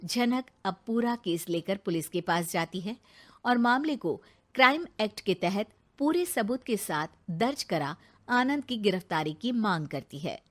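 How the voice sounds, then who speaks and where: A woman narrating a cartoon moral story in a measured storytelling manner. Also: mid-range voice, animated, fairly bright tone.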